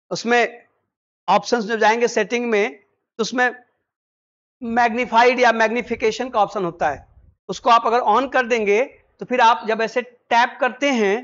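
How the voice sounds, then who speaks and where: A male teacher explaining vocabulary for an exam, mixing Hindi with slow English phrases and firing quick questions at his students. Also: high voice, fairly bright tone, lo-fi sound. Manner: quizzes listeners with quick rhetorical questions.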